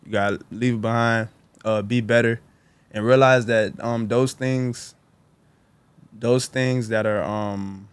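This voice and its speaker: A man in his twenties, his voice fairly low and clean in tone, co-hosts a podcast and talks reflectively and casually. He rambles and halts, restarting often, using many fillers and saying "bro."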